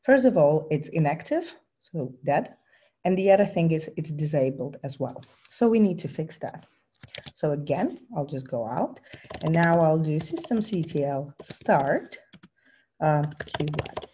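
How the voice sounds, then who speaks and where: Suffering from a bad cold, a woman gives a tech talk, explaining a live demo with frequent ums and restarts. Her voice sits low and is expressive and warm, delivered at a measured pace, with slight background noise.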